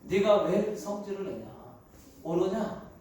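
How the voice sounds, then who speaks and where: A man voicing a calm, fatherly God who gently rebukes in a lower, reasoning tone. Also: measured pace. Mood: gently rebuking. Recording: echoey hall, far from mic.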